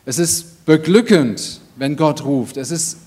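A man delivering a sermon in a slightly raised voice. He speaks earnestly and with emphasis. He lets phrases land with deliberate pauses and builds on repetition. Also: fairly high pitch, expressive, warm tone, husky. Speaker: preacher.

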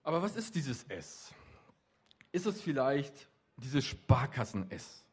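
A man's voice: medium pitch, sing-song, slow pace, a little mellow, husky. A middle-aged man who works with youth gives a chatty, joking talk to a young audience and keeps asking them questions. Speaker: youth worker speaking at a youth event.

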